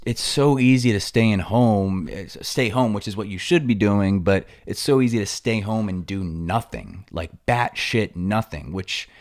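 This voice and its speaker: A man's voice: on the low side, a little mellow, dry recording, clean studio sound. A young man hosting his own podcast, talking in a laid-back, rambling way full of slang and fillers, sounding tired. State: tired and briefly out of breath. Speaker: podcast host. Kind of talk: casual solo podcast talk. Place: home in Los Angeles.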